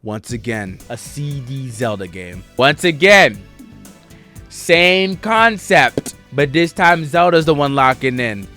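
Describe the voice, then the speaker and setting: A young man giving casual, joking tier-list commentary on video games, excitable and chatting straight to his viewers. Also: mid-range voice, slow pace, faint music behind. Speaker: gaming YouTuber.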